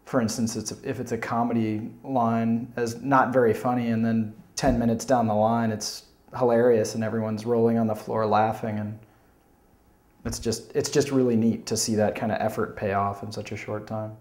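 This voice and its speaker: Man, reflective, flat lowish voice, roomy echo. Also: normal speed. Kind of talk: documentary interview.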